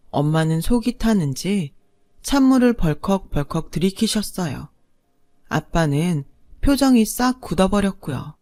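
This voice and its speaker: A woman narrating a dramatic family story in a steady, plain storytelling voice. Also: lowish voice.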